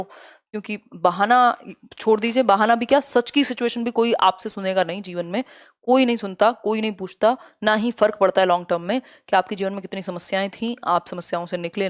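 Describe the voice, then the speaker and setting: Hindi-speaking woman teaching a live class. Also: mid-range voice. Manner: direct, scolding students, reads questions slowly. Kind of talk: live online exam-prep class.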